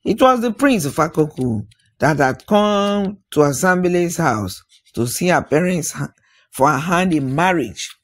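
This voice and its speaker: A man recounts an African folktale in the manner of an oral storyteller, his husky voice a little high and expressive. Pauses, musing interjections, and dramatic phrasing mark his delivery.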